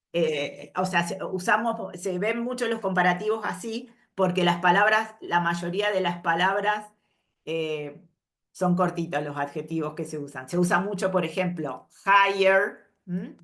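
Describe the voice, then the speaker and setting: A woman teaching an English workshop, moving between explanations and carefully spoken English examples and checking in with a soft questioning "mm?" after each point. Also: on the low side, measured pace. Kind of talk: slow explanatory workshop lesson.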